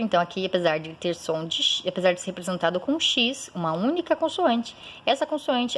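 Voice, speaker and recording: Sounding out each word slowly by syllable, a woman teaches a recorded school lesson in a medium-pitched voice. She keeps pausing to check in with a brief "certo?".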